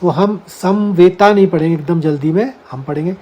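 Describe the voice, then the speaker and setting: Sounding out Sanskrit syllable by syllable, this Gita teacher walks his listeners through the meanings of the words in his scripture lesson. He speaks at a normal speed, his voice sitting high and mellow.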